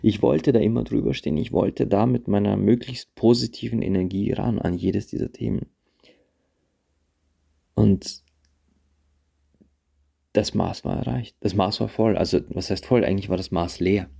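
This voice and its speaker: A man hosting a podcast, talking reflectively to his listeners in a halting way and often repeating himself. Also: on the low side, fairly even intonation, vocal fry, dark tone, husky. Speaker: podcast host. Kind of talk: personal monologue to listeners. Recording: handheld phone, voice drifts off-mic at times.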